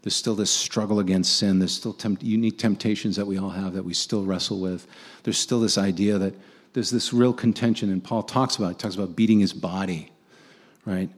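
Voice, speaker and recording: A man's voice: low voice, steady tone, a little fast. A man preaching a conversational sermon, earnestly asking his listeners rhetorical questions and often restarting his sentences.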